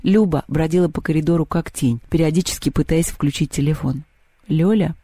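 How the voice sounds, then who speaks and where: A man narrates a story in an expressive audiobook reading. His voice sits slightly high yet mellow, and the recording is dry and close. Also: brisk, no echo. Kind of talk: scripted narration.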